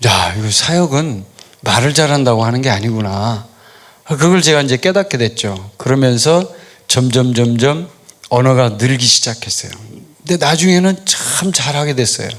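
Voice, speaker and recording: A middle-aged man, a pastor, preaching a sermon in a relaxed storytelling way, asking questions and answering them himself. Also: on the high side. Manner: storytelling, conversational, asks and answers his own questions. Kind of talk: sermon with personal stories.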